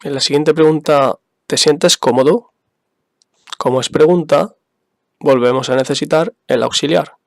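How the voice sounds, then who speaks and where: Guy teaching english basics real slow, patient, repeats stuff, dry close sound. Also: fairly high pitch, creaky, no echo. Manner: patient, spells out examples and repeats them. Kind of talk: slow, careful explanation for beginners.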